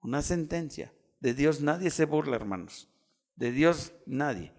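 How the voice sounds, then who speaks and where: A man preaches in an unhurried, deliberate rhythm. His voice sits fairly high, and he plays out voices from the story as he goes. He rises to loud cries and then drops almost to a whisper. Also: animated, creaky. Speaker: pastor. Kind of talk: sermon.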